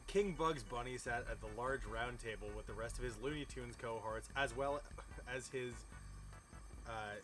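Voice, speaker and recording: A man with a mid-range, slightly bright voice reads a fan fiction story aloud at a normal speed, in a storybook style. He sounds amused and incredulous and keeps breaking off to add his own comments. Music plays behind him.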